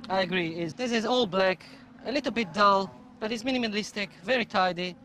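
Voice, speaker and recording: A man's voice: sits high, fairly quick, pushed and bright, a little hiss or hum. A man in his thirties with an Italian accent, casually giving his opinions as a car buyer. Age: 30s. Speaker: car buyer taking part in show.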